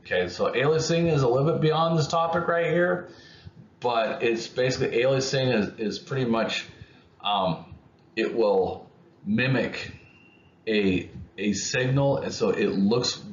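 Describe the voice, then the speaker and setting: A man explaining electronics concepts in an unscripted lesson, speaking haltingly with many restarts and fillers. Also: medium pitch. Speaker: electronics educator. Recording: muffled, roomy, faint noise.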